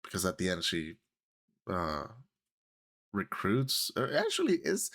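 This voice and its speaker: A man's voice: deep voice, wildly swooping pitch, unhurried, fairly bright tone. A man whose first language is Spanish, talking casually to camera about a film he loved, with lots of fillers and self-corrections. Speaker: vlogger. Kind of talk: casual movie talk to camera.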